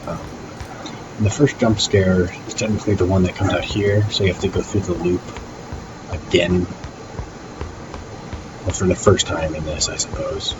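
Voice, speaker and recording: A man's voice: low-pitched, fairly even intonation, moderate pace, long pauses, background noise. A man giving casual gameplay commentary as he presents a walkthrough, offhand and hesitant, thinking aloud. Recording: loud game audio behind voice. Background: loud music and game sounds.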